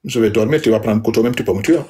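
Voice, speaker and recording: A man's voice: fairly low pitch, rapid-fire, mellow. Aggrieved man, emphatic and repetitive. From Senegal. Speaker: husband addressing his wife. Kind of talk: heated personal address.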